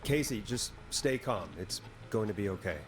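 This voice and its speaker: An actor voicing a calm male radio host talking a caller through an emergency, reassuring and instructive. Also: fairly low pitch, normal speed, over music, natural voice. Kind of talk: video game voice acting.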